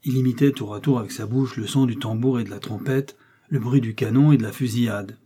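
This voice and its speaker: A man giving a measured, scripted reading of a nineteenth-century short story. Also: medium pitch, steady tone, dark tone, husky. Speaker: audiobook reader.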